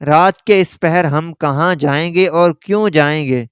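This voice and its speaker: A man voicing an elderly mother-in-law who is sharp-tongued, scolding and lamenting. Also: on the high side, clear, resonant tone, no echo, studio quality, close to an everyday voice. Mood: bewildered.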